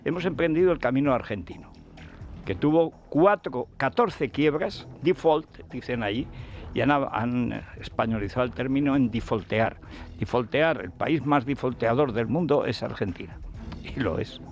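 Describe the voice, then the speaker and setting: Male radio host: biting, scornful opinion monologue at a middling pitch, recorded on slightly dull audio with faint background music. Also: lively intonation, normal speed, a little hiss or hum. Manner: scornful, combative, sarcastic. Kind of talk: political opinion commentary. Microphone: radio studio mic.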